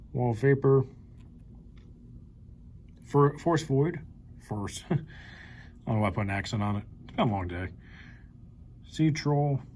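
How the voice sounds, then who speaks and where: A man's voice: medium pitch, a little mellow, slight background noise. A young man casually commenting as he pages through an old card collection, naming cards one by one in an upbeat, chatty way. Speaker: card collector channel host. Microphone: handheld camera mic.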